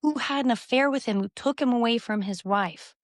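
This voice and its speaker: A woman co-hosting a podcast, telling reality TV stories in an animated, gossipy way. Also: fairly high pitch, brisk, no room sound, studio quality. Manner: animated storytelling, recounting reality TV scenes. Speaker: podcast co-host. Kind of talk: casual podcast chat.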